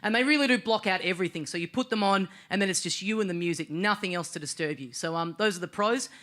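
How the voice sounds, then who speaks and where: A man with an Australian accent performing a stand-up comedy set on a television stage, telling a story in a deadpan way with sudden shouted bursts. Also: high-pitched, fast talker. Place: television studio stage with live audience. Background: audience laughter.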